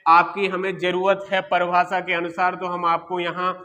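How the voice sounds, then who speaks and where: A young male teacher giving a grammar lesson, addressing the students as children and repeating each term slowly. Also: sits high, monotone, pushed and bright. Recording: long reverb, hall-like.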